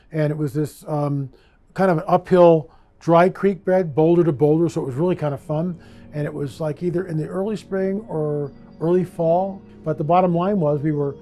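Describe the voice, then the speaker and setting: Animated storytelling man, mellow voice. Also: a little high. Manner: vivid, acts out the voices in his story. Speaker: interviewee. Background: faint music.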